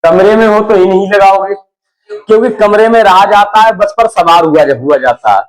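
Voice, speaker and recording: A man's voice: high-pitched, moderate pace, rough recording. A male English grammar teacher giving a classroom lesson, explaining step by step and often checking that his students follow.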